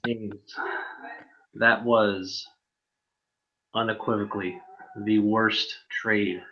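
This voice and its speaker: A man's voice: on the low side, level tone, extremely slow, sharp tone, muffled recording, slight background noise. A man trash-talking a fantasy football rival with mock-grand claims and swearing. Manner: mock-grandiose trash talk, swears, laughs at own jokes. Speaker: fantasy league player. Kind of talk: trash-talking casual banter.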